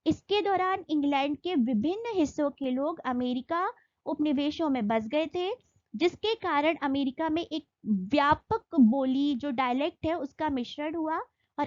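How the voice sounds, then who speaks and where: A young Indian woman teaching an exam-prep lesson, reading English notes slowly and then explaining them in Hindi with fillers. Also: high voice, darkish tone, dry recording, dull audio.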